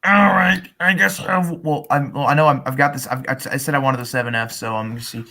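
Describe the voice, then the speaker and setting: A man's voice: medium pitch, fairly even intonation, fast talker, pushed and bright. A man in casual group chat about fan voice roles, eager and stumbling over restarts. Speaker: fan voice actor.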